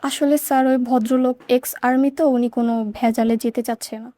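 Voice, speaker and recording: A woman's voice: high-pitched, flat delivery, fast talker, mellow, dry recording, close to an everyday voice. A woman playing a deferential office assistant. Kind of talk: TV drama acting.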